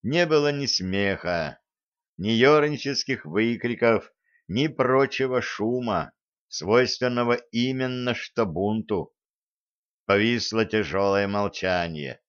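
A man narrating an audiobook in a measured storytelling manner. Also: lowish voice, fairly bright tone, clear, resonant tone. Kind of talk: scripted narration. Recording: slightly dull recording.

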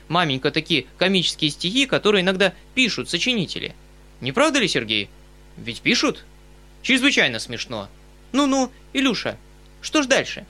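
Пожилой отставной полковник в исполнении чтеца: громкий, высокий, восклицающий, добродушно-суетливый. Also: male voice, fairly high pitch, bright, forceful tone, voice pushed up. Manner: exclaiming, fussy, eager. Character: excitable good-natured retired male colonel, older.

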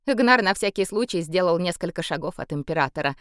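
A woman narrating an audiobook in an expressive storytelling manner. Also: on the low side, fast, clear, resonant tone, no room sound, clean studio sound. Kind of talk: scripted narration.

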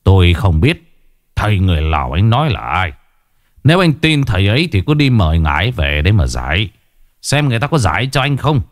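A man playing a grim one-eyed exorcist in a ghost story, speaking low and stern with a reproachful edge. His delivery rises and falls with feeling, recorded close and dry. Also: big pitch swings, fairly quick, no room sound. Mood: stern scolding. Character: stern one-eyed male exorcist master, older, gruff.

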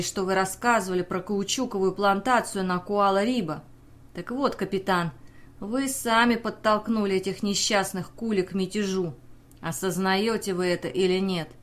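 A desperate young sailor pleads and accuses in an intense, pressing voice, as a woman reads him in an audiobook. The delivery sits at a medium pitch, urgent and searching. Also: lightly acted. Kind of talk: audiobook character reading.

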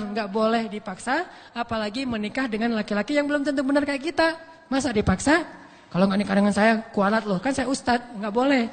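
A man preaching in a casual, joking storytelling style full of rhetorical questions. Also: extremely high pitch. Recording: echoey hall.

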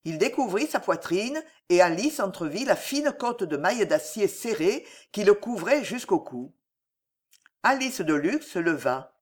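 A French-accented man narrating a historical novel with theatrical expression. His pitch moves lively and animated through the sentences. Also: measured pace. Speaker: audiobook narrator. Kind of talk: dramatic literary narration.

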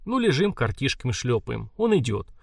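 A man's voice: mid-range voice, sing-song, normal speed, vocal fry, no room sound, clean studio sound. A man voicing a gloomy, hard-drinking young crook who tells a story in slang. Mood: gruff.

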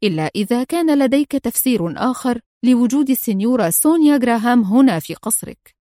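A woman's voice: a little high, animated, fast talker, dark tone, dry recording, studio quality, close to an everyday voice. A woman voicing a cold, mocking male police inspector in a read-aloud spy story. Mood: stern mocking.

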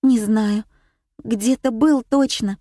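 A woman reading an audiobook and voicing a frightened, impulsive young girl with high, breathless exclamations. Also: takes it slowly, dark tone, no room sound, clean studio sound.

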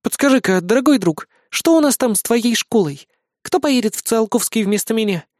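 A man reading an audiobook, voicing a brash, scheming young goddess who talks loud and snappy. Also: extremely high pitch, lively intonation, moderate pace, no echo, studio quality, voice pushed up. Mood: teasing. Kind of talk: audiobook character voice.

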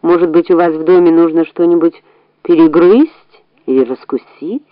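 A woman's voice: lowish voice, moderate pace, dry recording, muffled recording, close to an everyday voice. A woman voicing a sly, boastful old female rat in a storybook reading, wheedling and full of self-praise.

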